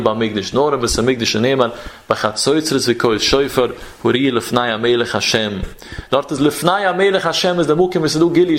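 A man's voice: medium pitch, fairly bright tone. A man giving a traditional Talmudic lecture as a Torah teacher. He reads Hebrew passages in a sing-song study chant and explains them.

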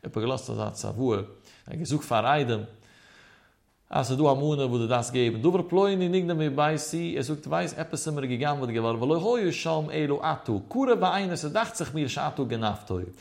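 A man's voice: fairly high pitch, expressive, fairly quick, creaky, a little mellow. A man giving a traditional Talmud lecture, reading the text aloud and explaining it in a sing-song study cadence with emphatic rises and drops. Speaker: Talmud teacher.

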